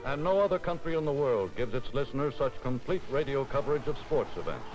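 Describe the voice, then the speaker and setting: A man's voice: mid-range voice, lively intonation, fairly quick, rough recording. A man giving formal, authoritative 1940s newsreel narration in a declamatory voice. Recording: old film soundtrack with music bed.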